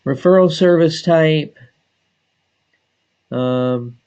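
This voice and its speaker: A man walks trainees through a software screen at an unhurried, measured pace. He pauses often with fillers as he clicks through each step. The sound is dull and lo-fi, like a recorded webinar. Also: fairly high pitch, smooth. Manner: slow and deliberate, many filler pauses. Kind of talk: screen-share software tutorial.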